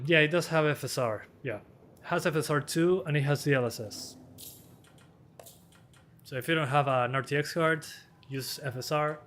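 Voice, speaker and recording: Slightly hoarse young man streaming casually. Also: fairly high pitch, normal speed, fairly bright tone, slight background noise. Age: 20s. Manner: casual, offhand, chuckles between answers. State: slightly hoarse, losing his voice. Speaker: PC hardware tester and streamer. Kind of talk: live-stream chat answering viewer questions.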